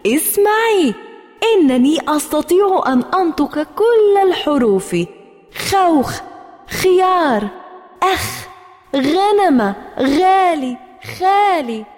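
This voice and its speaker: A woman voicing an eager four-year-old girl in a storybook reading, with a shrill, excited manner. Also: takes it slowly, full character voice. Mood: joyful. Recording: roomy reverb with soft music.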